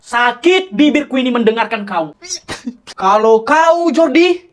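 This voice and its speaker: A woman's voice: a little high, lively intonation, measured pace, pitched below the performer's own voice. A woman playing a stern female schoolteacher who scolds her pupils in a comedy skit. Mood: scolding. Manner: bossy, scolding. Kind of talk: comedy skit role-play.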